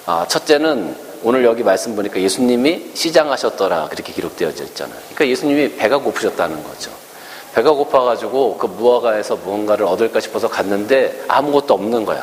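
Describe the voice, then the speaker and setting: A man's voice: fairly low pitch, expressive, quick pace. A male pastor giving a conversational sermon, asking his congregation rhetorical questions and acting out quotes in a raised voice. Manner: acts out quoted speech in a raised voice. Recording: long hall reverb with faint hiss.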